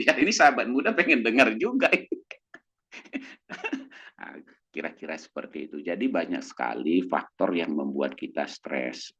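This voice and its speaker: A doctor giving a casual church talk on mental health, animated and fond of acting out the voices of the people he describes. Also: dull audio. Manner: animated, acts out quoted voices in a raised pitch. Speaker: doctor guest speaker.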